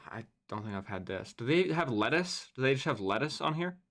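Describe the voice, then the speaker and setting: A young man streaming live, talking casually with a lively, bouncing pitch that swings up and down. He rants, swears freely and mutters asides into his microphone. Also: brisk. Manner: animated, profane ranting. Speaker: livestreamer. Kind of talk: casual livestream commentary.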